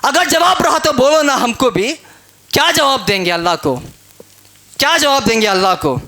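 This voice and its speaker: A man delivers a Friday sermon in a mosque, his voice pitched very high for a man and ringing with a forceful brightness. He hammers home his points with repeated rhetorical questions and rises at moments into shouting. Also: animated, normal speed. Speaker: preacher giving the Friday sermon.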